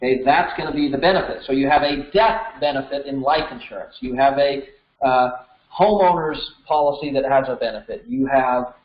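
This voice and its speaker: An American man in his thirties, speaking at a medium pitch and a fairly quick pace, gives an informal, conversational lesson as an instructor, walking through things step by step. The room adds an echo and the sound is slightly dull.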